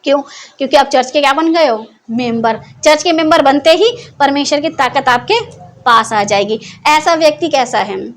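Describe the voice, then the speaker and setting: A woman's voice: high voice, normal speed. A woman giving a conversational Bible teaching, who keeps putting questions to her listeners and then answering them herself, in a scolding teacher's tone. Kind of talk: Hindi Bible teaching talk.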